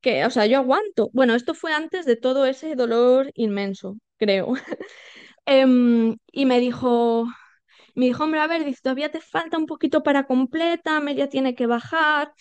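A woman, telling her birth story as a podcast guest, animated and acting out quoted dialogue with many fillers. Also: high voice, measured pace, smooth, no echo. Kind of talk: personal birth story told in conversation.

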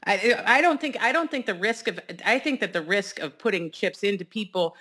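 A woman co-hosting a casual podcast discussion, explaining things in a measured, hedging way. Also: mid-range voice, lively intonation, a crowd in the background. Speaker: podcast co-host.

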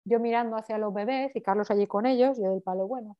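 A woman's voice: fairly high pitch, fast, no room sound, highs cut off. Chatty Spanish woman telling a story. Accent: Spanish from Spain. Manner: lively, acts out dialogue, swears casually. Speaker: mother telling her birth story. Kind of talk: casual storytelling.

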